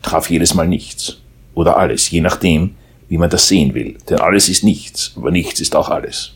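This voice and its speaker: A man reading a children's Christmas story aloud in a calm, unhurried way. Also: deep voice, breathy edge.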